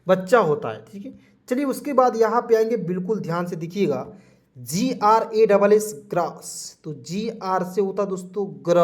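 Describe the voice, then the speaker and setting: High-voiced man teaching English word by word. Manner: repeats each word and asks the viewers questions; addresses the viewers as friends again and again. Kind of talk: spoken lesson for beginners.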